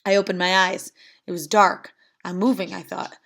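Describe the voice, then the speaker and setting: A woman reads a novel aloud, narrating in an even, plain manner. Her delivery is steady, with nothing dramatic added to the telling. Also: on the low side, normal speed, creaky. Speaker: reader.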